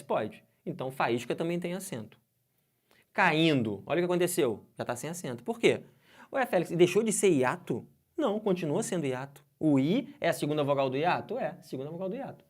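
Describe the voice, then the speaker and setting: Lively Brazilian man teaching grammar. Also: fairly high pitch. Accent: Brazilian Portuguese. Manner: lively, asks the class questions, stretches out example words. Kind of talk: exam-prep grammar lesson.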